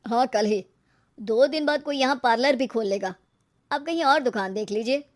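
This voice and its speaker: A woman's voice: on the high side, normal speed, close to an everyday voice. A woman voicing a blunt, matter-of-fact male shop owner who brushes customers off. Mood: dismissive.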